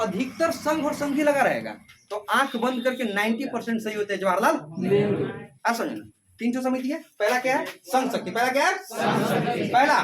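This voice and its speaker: A man's voice: very high voice, distant mic. A male teacher lecturing and drilling a class, repeating questions and calling students beta. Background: students answering.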